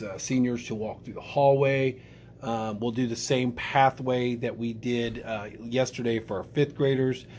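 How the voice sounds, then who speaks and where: A man's voice: medium pitch, darkish tone, slight background noise. A man hosting school morning announcements in a playful, rambling way with lots of fillers.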